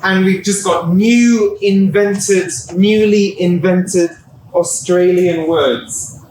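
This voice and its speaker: A middle-aged man lectures a class in an unhurried, good-humoured way, talking through examples. His voice sits fairly high, and he sounds some way from the mic. The room adds a noticeable echo and a faint hum of ambience. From England. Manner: relaxed, explains with examples, laughs at himself. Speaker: university lecturer. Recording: echoey room, distant mic.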